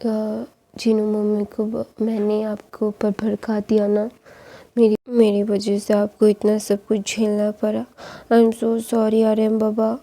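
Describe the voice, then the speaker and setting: A woman's voice: mid-range voice, completely flat delivery, slow pace, dark tone. A woman voicing an apologetic young man who coaxes and begs his elders to forgive his father. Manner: apologetic, coaxing.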